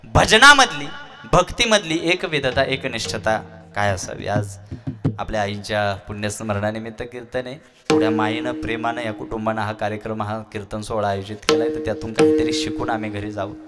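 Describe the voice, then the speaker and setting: A man's voice: on the low side, flat delivery, fairly quick, over loud music. A man preaching a devotional kirtan sermon, telling stories and firing off rhetorical questions with sing-song chanting.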